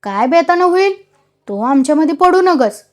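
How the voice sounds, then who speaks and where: A woman voices a stubborn, hot-headed village husband who shouts in rough rustic speech, pitched high and loud, in a storybook reading. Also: lively intonation, normal speed. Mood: angry shouting.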